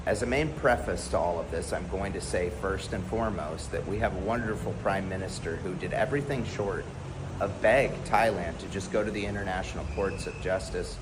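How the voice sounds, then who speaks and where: A man from the United States giving an earnest, blunt and emphatic spoken commentary to camera. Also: low-pitched. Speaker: vlogger. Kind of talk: impassioned direct-to-camera commentary. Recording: background noise clearly audible.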